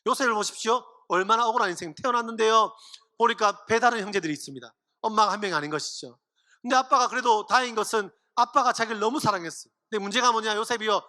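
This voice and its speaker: High-voiced fast-talking male preacher. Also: big-room sound. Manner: animated storytelling, acting out quotes. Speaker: pastor. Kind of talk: youth sermon.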